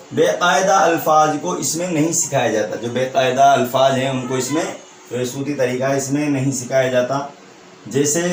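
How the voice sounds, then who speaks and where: Male teacher, slightly high voice, lecture style that quizzes and restates each point, roomy distant recording. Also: slight background noise. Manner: repeats each point as a question and answers it; checks understanding with a tag question. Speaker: Urdu teacher. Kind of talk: online exam-prep lecture. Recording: echoey room, voice from a distance.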